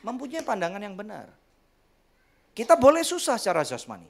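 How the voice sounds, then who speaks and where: A male pastor preaching a sermon to a congregation, animated and joking, with sudden loud bursts and acted-out quotes. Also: high-pitched, brisk, gravelly. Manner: addresses the congregation often, jokes and laughs. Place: church service.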